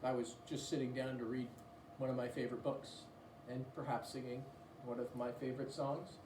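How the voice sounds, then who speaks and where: A woman with a bass voice reads a children's story aloud at normal speed, her delivery flat even as she plays it in a playful, theatrical way with asides to the listener. The recording sounds roomy, with a distant mic and faint noise.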